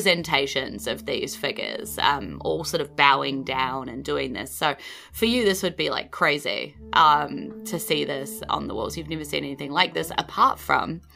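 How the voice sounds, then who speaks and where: With a New Zealand accent, a woman improvises descriptive narration as the game master of a tabletop game. Her voice is deep and creaky with a sharp tone, and she keeps things conversational, dropping in "you know" asides often.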